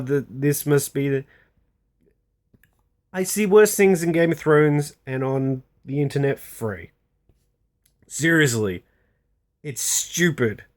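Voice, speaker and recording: A person on an unscripted rant, speaking bluntly and with exasperation, swearing at times and repeating phrases for emphasis in a halting way. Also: mid-range voice. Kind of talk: unscripted opinion rant to camera.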